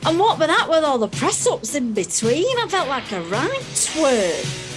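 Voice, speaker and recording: Woman cast as a bossy gym regular: blunt, high, slow-spoken, lively pitch. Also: over music. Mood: brash. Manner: blunt, brassy and tactless. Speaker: gym class member. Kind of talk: sitcom acting.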